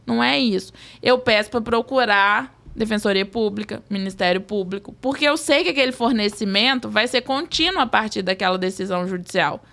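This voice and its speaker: A woman's voice: mid-range voice, a little fast, creaky, hardly any pauses, a bit bright. A Brazilian woman, a social services guest on a podcast, explaining earnestly at length with many fillers. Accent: Brazilian Portuguese.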